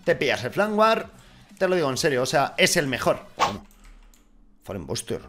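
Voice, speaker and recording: A young man from giving casual, excitable gameplay commentary, swearing and swinging from mutters to shouts. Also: mid-range voice, normal speed, music in the background. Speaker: gaming YouTuber.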